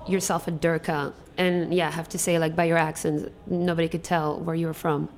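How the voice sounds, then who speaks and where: A young woman from Algeria with an Algerian accent, co-hosting a live radio talk show and speaking in a measured, reflective way. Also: low voice, flat delivery. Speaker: podcast co-host. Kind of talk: casual radio chat. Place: hotel broadcast studio.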